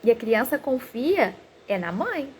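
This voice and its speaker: A woman psychologist in her thirties giving a talk on parenting, animated and acting out quoted parents and children. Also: fairly high pitch, a little slow, breathy edge.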